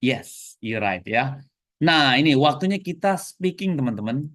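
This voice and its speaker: Speaking a little slowly in a mid-range voice, an Indonesian-accented man leads an English class, alternating lively explanations with cues for students to repeat. The recording is dry and clean, with studio sound.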